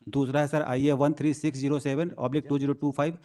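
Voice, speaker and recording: A man's voice: fairly high pitch, level tone, fast talker, dark tone. A man arguing his own case before a judge, deferential and reading out document numbers. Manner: deferential, says sir constantly, reads out document numbers. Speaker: petitioner arguing in person. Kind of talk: courtroom argument.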